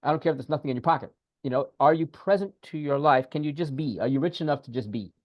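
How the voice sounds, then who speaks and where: A man co-hosting a casual podcast, talking in an animated, repetitive way and coaching a listener through a guided breathing exercise over a video call. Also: fairly high pitch, quick pace, dry recording. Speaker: podcast co-host, spiritual teacher.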